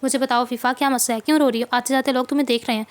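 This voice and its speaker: A woman voicing a calm adult man who urges a crying mother home and promises to help. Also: high-pitched, very fast, close to an everyday voice. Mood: urging. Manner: calm, reassuring. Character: helpful adult man, friend's husband. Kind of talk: novel reading.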